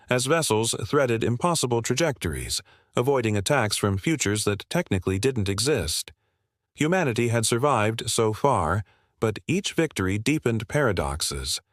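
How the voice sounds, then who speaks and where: Low-voiced male sci-fi narrator. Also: dry recording, clean studio sound. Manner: steady dramatic storytelling.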